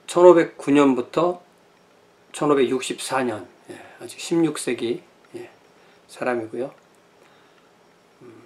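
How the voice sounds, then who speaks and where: A man's voice: medium pitch, darkish tone. Middle-aged male pastor, history lecture, hesitant and self-correcting delivery, filler-heavy. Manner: thinking aloud with many fillers and self-corrections. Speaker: pastor teaching church history.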